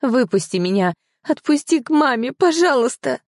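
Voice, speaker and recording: A woman's voice: expressive, normal speed, no room sound, studio quality. Woman doing a defiant tearful young bride. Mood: pleading. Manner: pleading, high and strained. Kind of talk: audiobook character voice.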